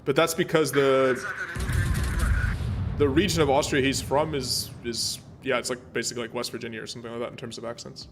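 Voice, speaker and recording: A man's voice: mid-range voice, level tone, brisk, fairly bright tone, faint music behind. A man streaming a naval warship game, chatting casually and rambling with plenty of fillers and restarts. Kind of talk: casual gameplay commentary.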